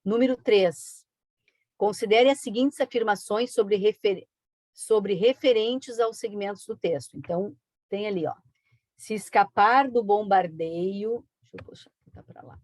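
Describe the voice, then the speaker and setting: A woman teaching an online exam-prep lesson, brisk and coaxing, with frequent tag questions. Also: mid-range voice, a little mellow, no room sound. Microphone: video call.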